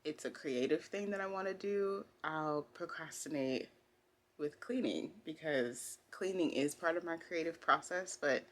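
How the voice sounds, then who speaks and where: A woman vlogger and costume designer speaks at a measured pace in a low-pitched voice, chatting candidly and informally in a personal vlog shot indoors at home.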